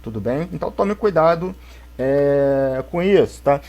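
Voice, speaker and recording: A male teacher with a Brazilian accent gives a recorded English grammar lesson to schoolchildren. He explains slowly and keeps checking in with the class. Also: on the high side, animated, warm tone, muffled recording. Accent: Brazilian Portuguese. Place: home, for a video lesson.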